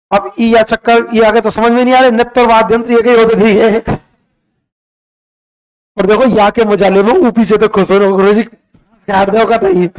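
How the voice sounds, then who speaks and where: A male teacher, lecturing a class and drilling students with quick repeated questions. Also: sits high, rough recording. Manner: brisk, quizzing students with rapid repeated questions.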